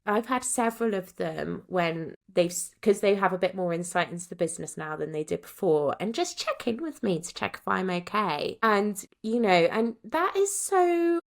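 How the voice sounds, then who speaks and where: A woman's voice: mid-range voice, big pitch swings, normal speed, gravelly, hardly any pauses. A woman in her thirties hosting a solo podcast, talking chattily and self-deprecatingly and laughing often as she gets emotional. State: getting emotional. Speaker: podcast host.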